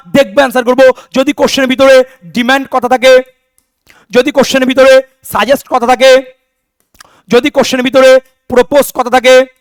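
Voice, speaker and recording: A man's voice: very high-pitched, no room sound. A middle-aged man teaching an exam-prep English class, drilling rules with rhetorical questions and repetition. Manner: slows to spell out example sentences. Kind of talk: recorded online class lecture.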